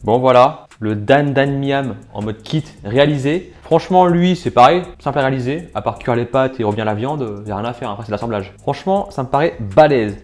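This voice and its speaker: A man hosting a food challenge video, chatting casually with lots of fillers while he cooks and tastes dishes at home. His voice sits at an ordinary middle pitch, and he talks between bites, sometimes with his mouth full. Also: a little fast, few pauses, darkish tone. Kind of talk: casual food vlog commentary. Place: at home kitchen and dining table.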